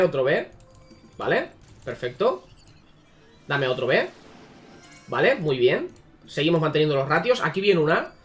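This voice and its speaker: A man giving casual, sarcastic commentary on a mobile game, swearing freely. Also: on the high side. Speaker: gaming YouTuber.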